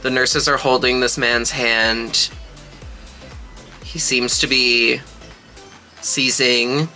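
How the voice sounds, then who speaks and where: Sassy drag queen with a very bright voice. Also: medium pitch, fairly even intonation, drawn-out words, soft background music. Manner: sassy, gushing drag queen talk with slangy swearing. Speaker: reaction video host, drag queen. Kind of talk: casual reaction commentary.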